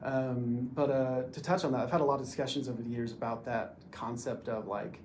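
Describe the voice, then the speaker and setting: A man talks quickly as a guest on a podcast, piling filler words into his sentences as he tells his own story. His voice sits at an ordinary middle pitch for a man, and the telling is casual and loose. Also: fairly even intonation, a little mellow, a little hiss or hum. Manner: rambling, lots of filler words. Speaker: podcast guest, door-to-door salesman.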